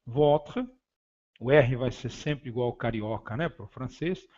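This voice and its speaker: Male teacher, slow deliberate delivery, dull lo-fi recording; drills vocabulary word by word with hesitant explanations. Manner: says each French word then its translation; stressed French words said louder and higher. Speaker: French teacher. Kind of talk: beginner language lesson, reading vocabulary.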